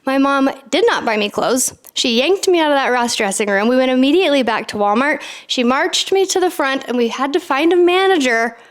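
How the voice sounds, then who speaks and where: A woman in her thirties hosting a podcast, telling a personal story in an animated, chatty way full of "like" fillers. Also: high voice, brisk, hardly any pauses. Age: 30s. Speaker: podcast host.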